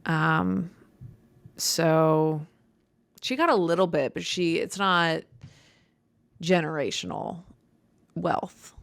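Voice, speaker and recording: Young woman from chicago doing her solo podcast, heavy vocal fry, dry voice, slow and low, blunt jokey rambling. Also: no echo. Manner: blunt, joking, swears freely. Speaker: podcast host. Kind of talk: casual solo podcast chat.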